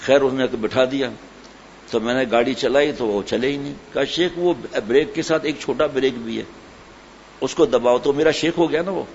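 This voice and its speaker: A man giving a sermon as a religious teacher, telling everyday stories and asking rhetorical questions. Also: mid-range voice. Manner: storytelling, folksy, rhetorical questions. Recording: slightly dull recording with faint noise.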